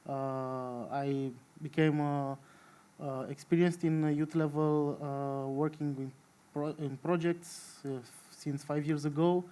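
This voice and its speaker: Halting Romanian-accented man. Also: fairly high pitch, darkish tone. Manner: halting, many fillers. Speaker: president of a humanist association. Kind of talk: panel introduction.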